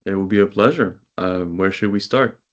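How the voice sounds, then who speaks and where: A man with a very low voice speaks as an interview guest over a video call. He grew up in Israel and answers in a measured way, ticking off items one after another. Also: highs cut off. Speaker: company CEO guest.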